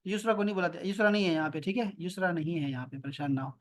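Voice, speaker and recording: Patient man teaching over a video call. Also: high-pitched. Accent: Pakistani Urdu. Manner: patient, repeats terms slowly, quizzes students by name. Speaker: Arabic teacher. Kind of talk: online class lesson. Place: home near an airport.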